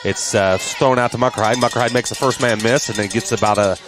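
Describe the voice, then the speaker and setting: A man doing live play-by-play for a high school football game, excitable and jumping up in pitch on big plays. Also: fast talker, over music. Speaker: play-by-play announcer. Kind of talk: live sports commentary.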